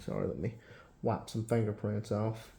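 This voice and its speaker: A man hosting a casual show-and-tell vlog, folksy and unhurried, with frequent restarts. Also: fairly low pitch, vocal fry, dark tone, slight background noise. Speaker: knife channel host.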